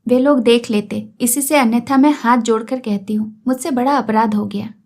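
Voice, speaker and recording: A woman's voice: steady tone, normal speed, a little mellow. Woman voicing Bijli, a mocking young woman. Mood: pleading. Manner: mocking, lilting, raised pitch. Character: sharp-tongued young woman, teasing then pleading.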